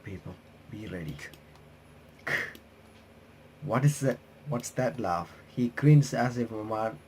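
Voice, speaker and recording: In a rough recording with a bit of hiss or hum, a man with a lowish, slightly mellow voice reads a visual novel aloud as a playthrough host. He makes casual asides and halts often, stumbling over words and restarting.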